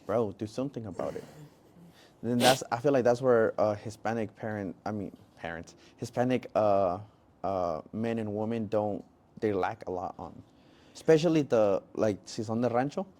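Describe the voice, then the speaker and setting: A man's voice: on the low side, normal speed, darkish tone. A man co-hosting a podcast in casual chat, rambling with lots of "bro" and "like". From Mexican-American family. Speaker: podcast co-host.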